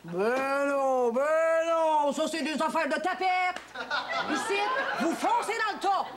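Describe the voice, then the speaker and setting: A brash Québécois housewife. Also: female voice, sits high, slow pace, some chatter behind. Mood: teasing. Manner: loud, teasing, blunt, folksy. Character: brash, earthy Quebec housewife, middle-aged. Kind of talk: 1970s sitcom acting. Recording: old TV audio, hiss, loud laugh track.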